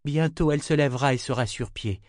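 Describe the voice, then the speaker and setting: A man's voice: mid-range voice, brisk, darkish tone, no room sound, clean studio sound, pitched above the performer's own voice, close to an everyday voice. A man doing a tired, stern mother. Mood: soothing. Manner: curt, then soothing. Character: tired, stern mother soothing her drunk son.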